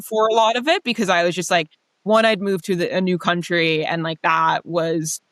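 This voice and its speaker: A woman's voice: fairly low pitch, steady tone, normal speed, fairly bright tone, dry recording. A woman telling her story as an interview guest in a casual, chatty, self-deprecating way, saying "like" often.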